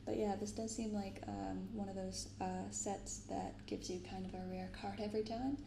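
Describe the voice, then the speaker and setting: With a creaky, medium-pitched voice and a level tone, this woman hosts a card-opening ASMR channel, talking casually in a soft, gentle, unhurried way. Her binaural recording carries a roomy echo and noticeable background noise.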